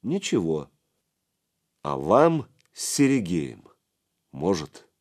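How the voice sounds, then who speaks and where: A man voicing a calm male companion who speaks in a measured, plain way. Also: sits low, heavily acted. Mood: steady.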